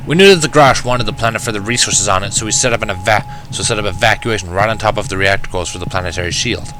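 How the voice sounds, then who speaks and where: There's music behind this man as he reads first-person fan fiction in a dramatic, wry, sardonic style. His voice is fairly low, fast, and sharp, with a little hiss or hum in the audio.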